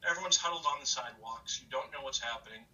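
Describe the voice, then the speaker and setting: Halting man with a bright, distant voice. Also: mid-range voice. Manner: halting, repeats words, restarts often. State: slightly hyperventilating. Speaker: interviewee recalling a disaster. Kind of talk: emotional first-person account.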